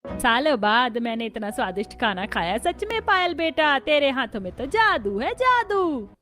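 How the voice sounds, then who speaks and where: Woman doing a mother-in-law, cartoon, bossy, demanding, very high voice. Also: big pitch swings, moderate pace, pushed and bright, full character voice. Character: stern, food-loving older mother-in-law. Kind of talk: animated family drama voice acting.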